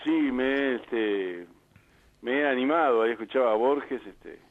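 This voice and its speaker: A man's voice: medium pitch, unhurried, slight background noise. A man with a Uruguayan accent, a guest poet calling in, speaking modestly and with hesitation. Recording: phone-line call.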